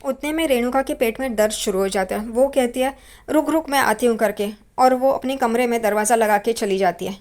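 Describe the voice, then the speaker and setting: A woman's voice: a little high, fairly quick, few pauses, darkish tone. A woman casually retelling a TV serial episode and commenting on the characters as she goes. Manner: chatty, judges the characters as she tells. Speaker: TV serial recap narrator. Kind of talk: casual storytelling recap with comments.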